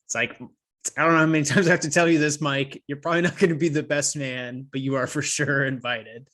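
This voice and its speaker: A podcast co-host speaks fast in a fairly high, bright, forceful voice that's slightly nasal, keeping his intonation fairly even. During the casual chat he rambles and loses his train of thought.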